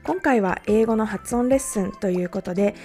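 A woman from Japan, a language teacher, giving a podcast pronunciation lesson step by step, with many pauses and fillers. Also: mid-range voice, warm tone, faint music behind.

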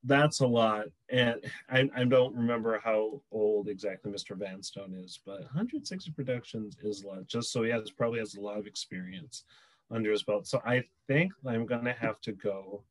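A young man co-hosting a casual chat show, reading out nominees and reacting with loud cheers. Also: on the low side, moderate pace, low-quality recording. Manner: excitable, cheers and whoops loudly. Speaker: podcast co-host.

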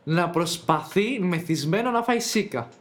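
A man's voice: high-pitched, lively intonation. A man co-hosting a podcast, playfully telling a story and building it up step by step. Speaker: podcast co-host. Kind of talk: casual chat.

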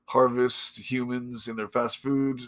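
A man's voice: mid-range voice, level tone, a little slow, a bit bright. A man co-hosting a horror movie podcast, talking casually with blunt, profane opinions. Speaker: podcast co-host. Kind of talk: casual chat.

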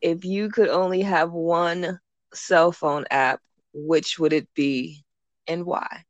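A woman's voice: fairly low pitch, fairly even intonation, takes it slowly, no room sound. A woman hosting a podcast, talking in an informal, conversational way. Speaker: podcast host. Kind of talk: casual podcast interview.

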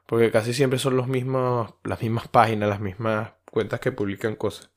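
A man's voice: mid-range voice, little pitch movement, moderate pace. A man from Venezuela with a Venezuelan accent, hosting a podcast in a casual, rambling monologue full of fillers and restarts. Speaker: podcast host.

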